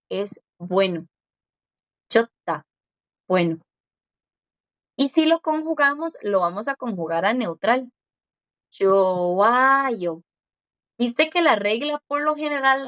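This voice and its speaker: A woman's voice: on the high side, fairly bright tone, no room sound. Female tutor, patient explainer, dull dry recording. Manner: patient, explains step by step and repeats words slowly. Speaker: Korean language teacher. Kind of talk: one-on-one language lesson.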